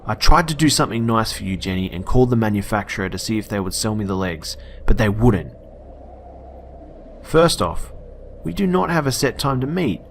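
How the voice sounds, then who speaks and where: A man's voice: fairly low pitch, very animated, normal speed, creaky, a little hiss or hum. A man voicing a panicked young woman who swears and raises her voice at an intruder. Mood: indignant. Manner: frantic, swearing, raising voice.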